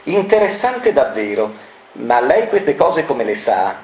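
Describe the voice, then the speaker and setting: A man's voice: medium pitch, big pitch swings, slow. A man voicing a sly, teasing male colleague with a condescending manner. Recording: dull roomy recording, faint noise.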